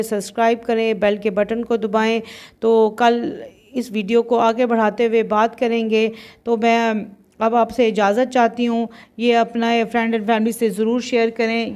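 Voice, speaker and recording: Woman host narrating a sacred tale, flat even delivery, halting with fillers. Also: a little high, smooth. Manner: hesitant, many drawn-out fillers. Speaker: storyteller and channel host. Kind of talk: religious storytelling for a video.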